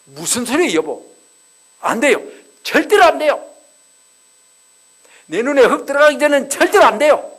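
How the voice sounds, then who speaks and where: A man voicing a stubborn wife who refuses her husband, shouting in a high, strained voice during a sermon. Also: big pitch swings, moderate pace, long pauses, heavily acted. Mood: frantic. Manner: shouting, high-pitched pleading.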